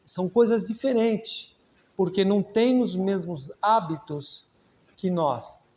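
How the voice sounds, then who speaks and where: High-voiced Brazilian man giving an earnest lecture. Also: slow, a little mellow, lo-fi sound. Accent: Brazilian Portuguese. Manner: earnest, conversational, with personal anecdotes. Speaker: speaker at a spiritist public meeting. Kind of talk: spiritist lecture.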